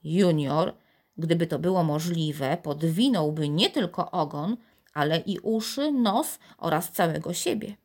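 A woman narrating a children's storybook in a calm, clear way. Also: low-pitched, unhurried.

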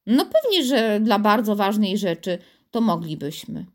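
A woman voicing a lively, eager young boy who likes to take charge. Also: mid-range voice, a little slow. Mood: cheerful. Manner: eager, commanding, excitable.

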